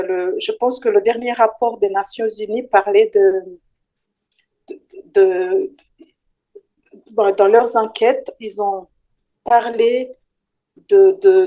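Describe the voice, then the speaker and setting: A woman's voice: medium pitch, warm tone. A woman from Rwanda speaking as a guest on a talk show, hesitant, with frequent restarts and fillers. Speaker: guest, association member.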